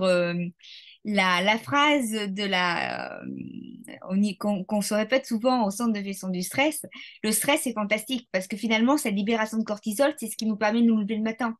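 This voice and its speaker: Woman, neuroscientist guest, podcast interview, didactic, methodical, frequent hesitations, mid-pitched voice. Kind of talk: explanatory interview talk.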